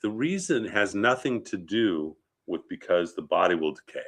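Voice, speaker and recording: Sniffling slightly from a head cold, a man teaches as a rabbi about funeral customs in a relaxed, conversational way, regularly checking in with short questions. He speaks at normal speed in a low, slightly rough voice that's fairly bright, with lively intonation.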